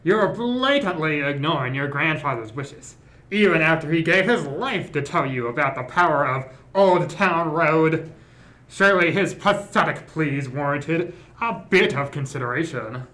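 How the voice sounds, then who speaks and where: Guy doing a snooty villain voice, bright and a bit high, mocking and pompous. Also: lively intonation, unhurried, rough recording. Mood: gloating. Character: smug aristocratic male villain.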